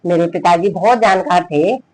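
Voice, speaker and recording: A man's voice: sits high, normal speed, darkish tone, low-quality recording. A man with a Kumaoni accent telling a true story in a rambling, repetitive way. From Uttarakhand, India. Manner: rambling, repeats "he said" often. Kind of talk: casual oral storytelling.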